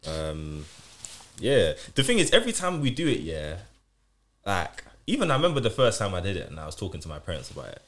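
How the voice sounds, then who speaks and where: A man's voice: low voice, wildly swooping pitch, a little fast, fairly bright tone. A young man with a London roadman accent, chatting casually in street slang as a podcast co-host. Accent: London, urban slang. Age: young adult. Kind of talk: casual group chat.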